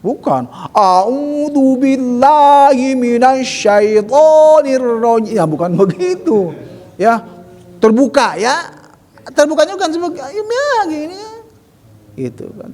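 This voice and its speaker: A man teaching Quran recitation in a casual lesson, correcting pronunciation by slowly modeling sounds. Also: sits high. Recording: reverberant hall.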